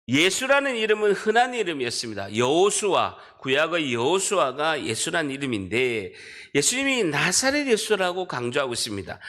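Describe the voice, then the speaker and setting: Busan-accent guy preaching, bright forceful voice, swings up and down a lot, tells folks to underline stuff. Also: on the high side. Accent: Busan dialect. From Busan, South Korea. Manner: emphatic preaching, directing the congregation to read and underline. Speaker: pastor. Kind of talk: sermon. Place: church sanctuary.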